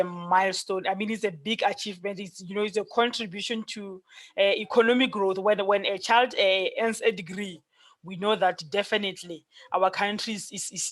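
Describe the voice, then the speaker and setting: A person chairing a formal meeting in a halting manner, often repeating words while searching for the next one. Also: mid-range voice, fairly bright tone.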